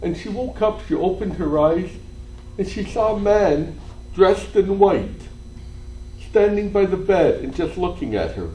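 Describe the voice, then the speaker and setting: A man, a priest, telling a story in a retreat sermon, dropping to a hush and rising to shouts. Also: sits high, animated, unhurried. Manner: dramatic storytelling, swings from hushed to shouting. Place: cathedral. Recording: echoey church hall, faint room noise.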